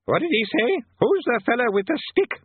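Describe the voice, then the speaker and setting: A man voicing a deaf, cantankerous old male wizard in a fantasy audiobook, querulous and loudly exclaiming. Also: sing-song, normal speed, breathy edge, dry recording, full character voice. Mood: querulous, baffled. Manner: querulous, loud high-pitched exclaiming. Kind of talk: audiobook character voice in comic fantasy. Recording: band-limited, phone-like audio.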